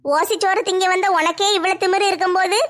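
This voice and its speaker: A woman playing a sharp-tongued young daughter-in-law in a family comedy skit, shrill and scolding. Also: steady tone, fairly quick. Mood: taunting.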